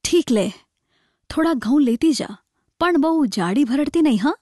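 A woman doing a weary, gentle old gardener. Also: high voice, lively intonation, normal speed, no echo, clean studio sound.

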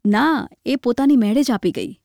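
A woman reading a story aloud, voicing a poor village wife who speaks softly, pleading and tender with her husband. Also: fairly high pitch, lively intonation, moderate pace, gravelly, no echo, clean studio sound.

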